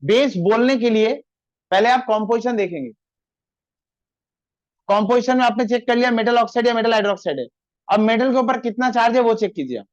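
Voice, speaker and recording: A high-pitched man teaching chemistry in a classroom, spelling out formulas step by step and breaking off to tell students to stop talking. The sound is dry and dull, like a basic lo-fi recording. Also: no room sound. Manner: dictates formulas slowly, scolds students for chatting. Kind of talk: classroom lecture.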